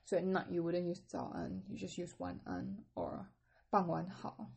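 A woman teaching a lesson, patiently explaining in English and reading out phrases slowly with careful tones. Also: lowish voice, little pitch movement, creaky, a little mellow, breathy edge. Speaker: Mandarin teacher. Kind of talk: podcast language lesson.

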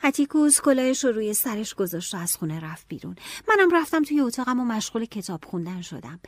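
A woman narrating an audiobook in a steady storytelling manner. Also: fairly high pitch, no echo.

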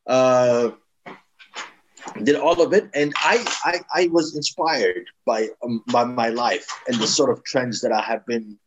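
Male interview guest, branding expert, mid-pitched, emphatic and advising, restarts often. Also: a little slow, muffled recording, noisy background. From East Africa. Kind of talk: explanatory interview talk.

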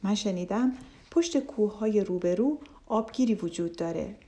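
A woman's voice: mid-range voice, expressive, warm tone, natural voice. A woman voicing an anxious, thoughtful pond turtle in a children's storybook tale, speaking earnestly and pleadingly. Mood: worried.

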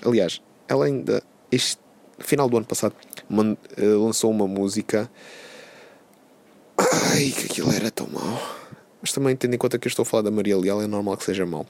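A young man hosting a podcast, ranting casually in a sarcastic, profane, animated way. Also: on the low side. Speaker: podcast host.

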